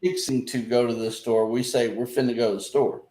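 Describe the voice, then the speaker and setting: A man with an Alabama Southern accent interviews a guest in a casual, chatty, playful way, acting out local phrases. His mid-range voice is warm and steady, and he talks a little fast. The recording has a roomy echo.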